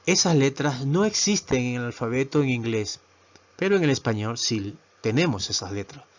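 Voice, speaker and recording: A man teaching a video lesson who talks slowly and patiently, repeating words and often checking in with his listeners. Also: mid-range voice, lively intonation, muffled recording. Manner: slow, repetitive, asks "¿verdad?" often. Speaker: English teacher.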